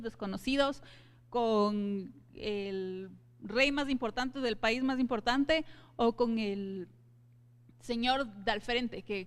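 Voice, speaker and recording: Woman, Bible study teacher, earnest, higher voice, long hall echo. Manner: earnest, addresses listeners directly. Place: church hall.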